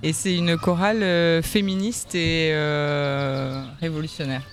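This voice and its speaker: A woman's voice: low voice, steady tone, slow, soft background music. A woman choir member interviewed on radio, friendly and matter-of-fact.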